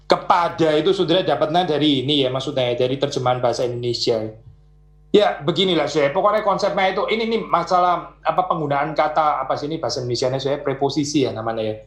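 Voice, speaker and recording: A man, a pastor, answering audience questions in a conversational way, with many small fillers and worked examples. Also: on the high side. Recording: roomy echo.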